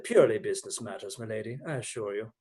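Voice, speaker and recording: In a theatrical radio play, a man with a fairly low, warm, husky voice speaks quickly as a bold, teasing outlaw leader. He plays the rogue with sardonic, courtly manners.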